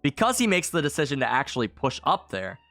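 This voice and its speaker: A man with a hoarse, tired voice, casually breaking down a game round as a coach and channel host, with loose fillers. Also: medium pitch, no room sound, soft background music. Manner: fast, animated, loose with fillers. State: hoarse, losing his voice.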